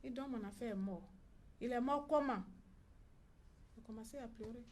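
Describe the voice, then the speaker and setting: A woman's voice: a little high, normal speed, darkish tone. A middle-aged woman with an Ivorian French accent, a mother recounting events at a press conference and acting out the dialogue she reports. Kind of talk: personal account at a press conference.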